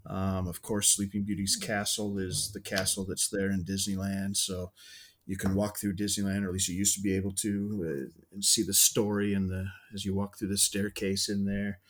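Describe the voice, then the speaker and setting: A man's voice: low voice, little pitch movement, moderate pace. A man co-hosting a podcast, casually reviewing a film and rambling through his thoughts with many restarts and hedges. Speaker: podcast co-host reviewing films.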